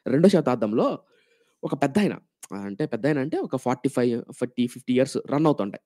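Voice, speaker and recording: A man's voice: mid-range voice, quick pace. A man preaching a storytelling sermon, acting out the voices of the people in his story and putting questions to the congregation. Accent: Telugu, Rayalaseema. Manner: animated, acts out quoted voices, asks the congregation questions.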